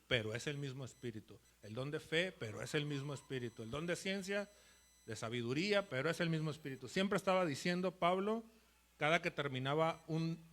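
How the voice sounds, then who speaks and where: A man preaching a sermon in a church, animated and rambling, with many restarts and quick laughs. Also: fairly high pitch. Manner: laughs between phrases.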